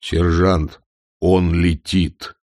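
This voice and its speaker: A man's voice: deep voice, flat delivery, very slow, a little mellow, dry recording, clean studio sound. A man voicing an earnest, literal young male watchman who speaks plainly in an audiobook.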